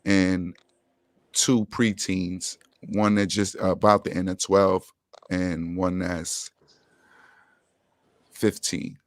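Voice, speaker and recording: A middle-aged man hosting a casual online chat over a video call, talking in a relaxed, slangy way. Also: low voice, takes it slowly, pauses often, dry recording, clean studio sound. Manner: relaxed, slangy everyday speech. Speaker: podcast host.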